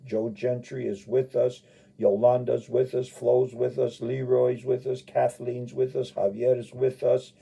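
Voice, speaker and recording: Gravelly, muffled man preaching informally. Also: warm tone. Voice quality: husky, gravelly. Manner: folksy, rambling, with emphatic repetition. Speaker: Bible teacher and live radio host. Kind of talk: informal live radio sermon and Bible study. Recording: muffled, low-budget live radio sound.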